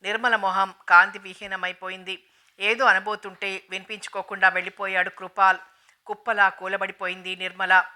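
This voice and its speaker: A woman narrating a novel in a steady, even storytelling manner, in an audiobook reading. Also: mid-range voice, moderate pace.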